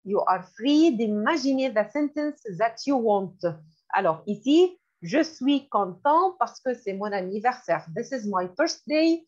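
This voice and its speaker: Slow, lively woman teaching French. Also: a little high. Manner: slow, repeats each word and glosses it in English. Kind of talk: classroom vocabulary lesson. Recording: dull lo-fi recording.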